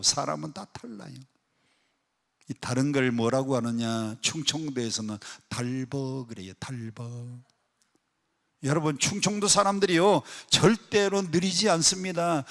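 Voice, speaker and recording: Emphatic male preacher in an echoing hall. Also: mid-range voice. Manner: emphatic preaching with sharp swings between loud and soft; quizzes the congregation with questions. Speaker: pastor. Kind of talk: sermon. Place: large worship hall at a prayer retreat. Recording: echoey hall with long reverb.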